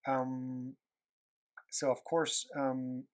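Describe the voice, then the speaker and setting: Speaking very slowly in a clear, resonant, medium-pitched voice with a level tone, this Quebec-born animator and illustrator talks casually as he works on a drawing. French is his native language and his accent is Québécois. He meanders, often searching for the right word and leaning on fillers.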